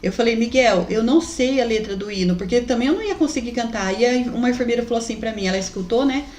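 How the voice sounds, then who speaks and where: Speaking fast in a slightly high, darkish voice, a mother shares an emotional testimony of faith, fervently calling her listeners brothers. The recording is roomy and echoey.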